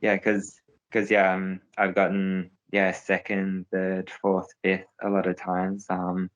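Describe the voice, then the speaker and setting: A man's voice: low-pitched, completely flat delivery, slow, lo-fi sound. A young man, a professional cyclist, answering interview questions in a hesitant way, with many fillers and restarts.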